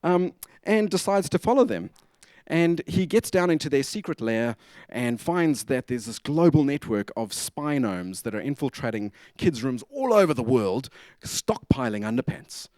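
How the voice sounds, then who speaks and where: A man's voice: medium pitch, very animated, normal speed, a little mellow, no room sound. A man giving a chatty, jokey conference talk who keeps asking the audience to respond. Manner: chatty, asks audience for nods, jokey asides. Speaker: conference speaker. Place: conference venue.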